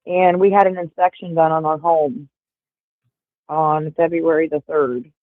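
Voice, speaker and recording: On a livestream, a guest in her 40s, a woman with a deep voice, chats casually at a measured pace with a steady tone, rambling and using plenty of fillers. Earbuds over a call give a tinny, phone-like line, and the recording is dry.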